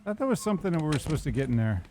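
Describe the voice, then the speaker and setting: A man's voice: fairly high pitch, sing-song, very fast, warm tone. A man giving casual, joking game commentary as a let's player, offhand, crude and wisecracking.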